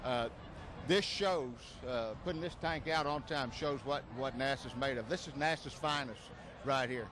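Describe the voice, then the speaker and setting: A man in his fifties speaks with proud emphasis in an outdoor interview on an open field. His voice is mid-pitched, and noisy outdoor sound is clearly audible behind him. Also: moderate pace. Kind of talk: casual interview answers. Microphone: handheld interview mic.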